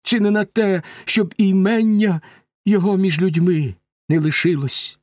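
Man doing an anguished queen, high lamenting voice, slow dry audiobook. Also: no echo. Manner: raised, lamenting verse delivery. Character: grieving middle-aged queen woman, anxious and reproachful.

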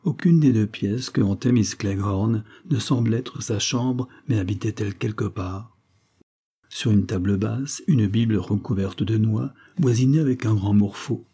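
A man reading a literary novel aloud in a measured, even way. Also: lowish voice, breathy edge. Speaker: audiobook reader. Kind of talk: scripted literary narration.

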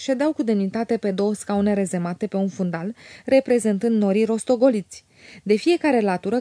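Mellow-voiced woman narrating a novel. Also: medium pitch, no room sound, clean studio sound. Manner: even, measured storytelling. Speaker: audiobook narrator. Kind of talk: scripted literary narration.

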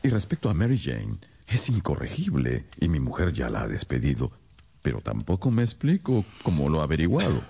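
A courteous doctor, loyal companion and storyteller of a radio drama. His voice is very deep and expressive, with an earnest, measured delivery. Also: vocal fry, a little hiss or hum, full character voice. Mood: puzzled, earnest. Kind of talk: radio drama acting and scripted narration.

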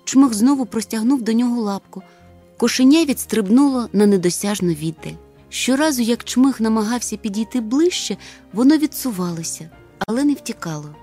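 A woman reads a children's story aloud with lively, expressive narration. Her voice sits fairly high and moves a lot, with faint music underneath. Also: moderate pace. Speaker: audiobook narrator.

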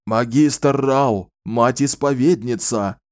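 A man's voice: medium pitch, fairly even intonation, moderate pace, warm tone, no room sound, clean studio sound, pitched above the performer's own voice, close to an everyday voice. An actor playing an impassioned male orator who harangues a crowd, pleading and declaiming.

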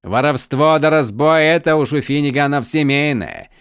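A man voicing a spoiled, hot-tempered young male count who shouts shrilly and orders people about. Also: on the high side, normal speed, clean tone, no room sound, studio quality, voice pushed up, lightly acted. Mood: sneering.

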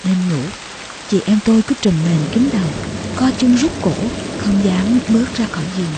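A woman narrating a memoir audiobook in a slow, soft, emotional way, with passages dropping to a hush. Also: medium pitch, expressive, noisy background.

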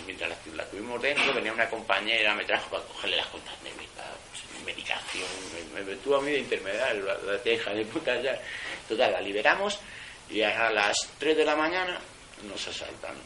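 Blunt, bright-voiced man from telling a story. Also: fairly low pitch, brisk, a little hiss or hum, low-quality recording. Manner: colloquial and blunt, with swearing and streetwise slang; animated retelling, with many restarts. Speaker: former prisoner giving a testimony. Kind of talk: casual spoken storytelling.

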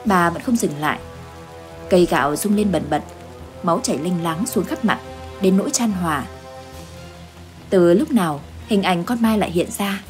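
A woman narrates a ghost story in a measured, dramatic way. Her voice sits on the low side. Soft music plays faintly underneath. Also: animated.

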